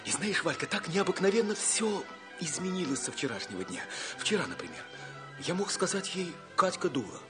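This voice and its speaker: A man's voice: sits high, normal speed, over music. An actor playing an earnest, romantic young man in a theatrical old radio drama style. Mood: hushed, confiding. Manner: theatrical, declamatory, expressive. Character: Sanya, earnest, romantic young man telling his life story.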